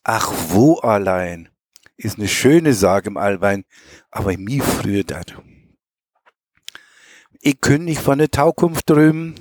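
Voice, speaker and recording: Storyteller, male, strong Mecklenburg Low German accent, homely reading with small stumbles, dry close recording. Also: lively intonation, takes it slowly, pauses often, a little mellow, no room sound. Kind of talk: reading a memoir tale aloud.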